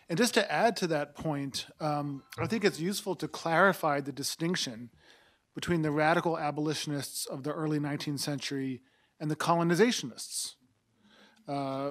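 40s guy explaining history on a panel, kinda high voice, lecture-y, says okay a lot. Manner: explanatory, lecturing, with restarts and tag questions. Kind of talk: academic panel discussion. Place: seminar room with a panel table and audience. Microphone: table mic on a stand.

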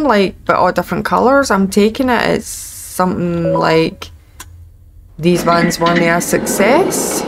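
In this casual let's-play clip, a gaming host, a Scottish woman in her thirties, keeps up a chatty, wry running commentary while she plays. She speaks low with some vocal fry, over a slight hiss or hum.

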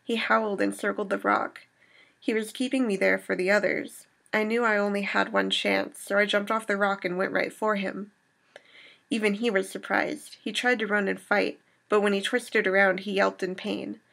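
Shaken survivor woman, read by a woman, gravelly, steady telling. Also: mid-range voice, moderate pace. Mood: grieving. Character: shaken young woman survivor recounting an attack.

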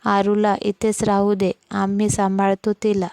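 A woman's voice: medium pitch, monotone, unhurried, a little mellow, clean tone, no echo, lightly acted. Woman voicing a fussy caring older mother-in-law. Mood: fussing kindly. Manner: bustling, kindly scolding.

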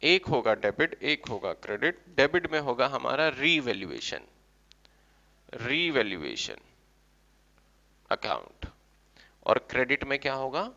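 A male commerce teacher giving a classroom lecture, coaxing and teasing his students with quick questions. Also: medium pitch, big pitch swings, vocal fry, sharp tone. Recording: dull lo-fi recording.

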